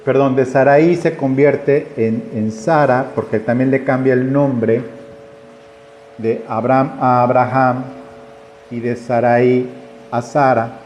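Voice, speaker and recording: A man's voice: medium pitch, fairly even intonation, slow, darkish tone, highs cut off, slight background noise. A man preaching a conversational sermon, acting out the voices in his stories. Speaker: pastor. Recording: echoey room with faint ambience.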